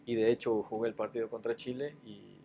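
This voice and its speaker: A low-voiced, gravelly man with an Ecuadorian accent answers interview questions about his playing days. He speaks hesitantly, stumbling over repeated words and fillers, with a faint hum of noise behind him. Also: fairly even intonation, a little fast, dark tone. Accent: Ecuadorian Spanish. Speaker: guest, former footballer.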